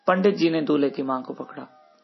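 A man's voice: a little high, a little fast, creaky, husky. A man narrating a devotional story in a folksy, repetitive storytelling manner. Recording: muffled recording with faint music.

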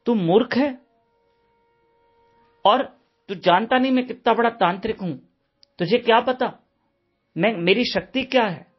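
A man's voice: very high voice, unhurried, pauses often, breathy edge, highs cut off, faint music behind, voice pushed up, heavily acted. A man voicing an arrogant, angry male tantric sorcerer in a devotional story, boastful and threatening.

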